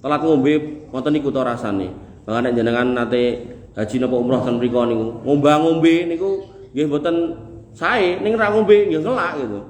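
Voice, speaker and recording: Folksy Javanese-accented preacher in an echoey room. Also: male voice, medium pitch, moderate pace. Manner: folksy, joking, rhythmic repetition. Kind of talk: sermon to a congregation. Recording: echoey room with faint noise.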